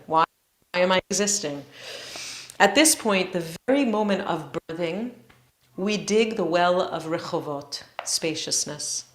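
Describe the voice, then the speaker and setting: A woman leads a yoga class in a calm, reflective way, her voice sitting a little low. Her audio crackles and drops in and out from a faulty microphone connection. The sound rings with a roomy echo. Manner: measured, reflective teaching tone. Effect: audio cutting in and out, crackly faulty mic connection. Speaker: yoga teacher and cantor. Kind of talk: guided yoga class teaching. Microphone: microphone on a live online stream. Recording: roomy echo, glitchy dropping mic.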